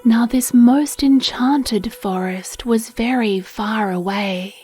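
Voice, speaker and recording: A meditation narrator reads a scripted children's sleep meditation story at an extremely slow, unhurried pace. Her voice is on the high side, soft, mellow and hushed, with a soothing, breathy gentleness, and quiet music plays underneath.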